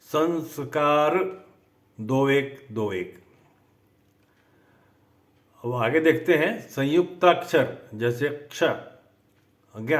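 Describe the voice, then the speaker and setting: Slow, deliberate man teaching poetry. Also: medium pitch. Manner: slow, careful dictation of word lists. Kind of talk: slow methodical lesson.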